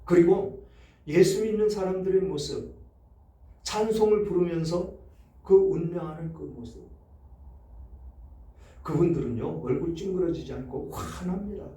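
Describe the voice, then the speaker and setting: A man preaching as pastor, emphatic, his loudness rising and dropping sharply. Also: high-pitched, measured pace, pauses often. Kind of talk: sermon. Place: church sanctuary. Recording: echoey church hall, mic set far off.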